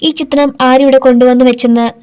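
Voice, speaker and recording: A woman's voice: sits high, flat delivery, brisk, a little mellow, natural voice. A woman voicing a frightened middle-aged man whose voice trembles with fear. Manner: trembling, fearful.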